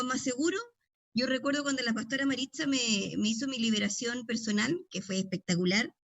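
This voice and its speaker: A woman's voice: a little high, fairly bright tone, no room sound. A middle-aged woman pastor with a Chilean accent, teaching a deliverance session in a conversational storytelling way with frequent tag questions.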